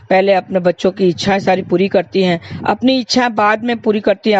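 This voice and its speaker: A woman's voice: medium pitch, a little mellow, highs cut off. A woman telling a devotional moral story in an earnest, repetitive, preachy way.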